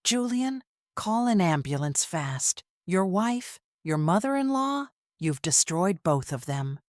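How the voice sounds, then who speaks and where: A woman's voice: lowish voice, very animated, slow pace, a little mellow, no room sound, clean studio sound. A woman voicing a stern retired military father in a narrated family drama, commanding and furious.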